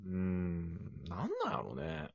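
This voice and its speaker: A man's voice: deep voice, lively intonation, unhurried, vocal fry, darkish tone, husky, no room sound. A man co-hosting a casual talk podcast, playful and self-mocking. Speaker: co-host. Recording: slightly muffled lo-fi audio.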